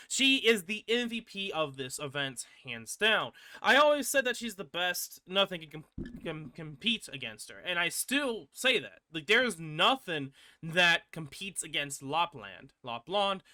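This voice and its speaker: Guy rambling about a video game, swears a bit, really bright voice, dry close mic. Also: on the high side, dry recording. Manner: rambling, restarts often, swears casually. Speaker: gaming channel host. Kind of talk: casual gameplay commentary.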